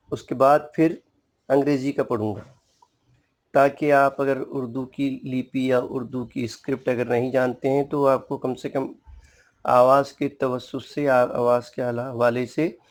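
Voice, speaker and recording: Slow, patient male language teacher. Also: medium pitch, flat delivery, darkish tone. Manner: formal, courteous, explains each letter patiently. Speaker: Urdu teacher. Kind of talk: slow spoken language lesson.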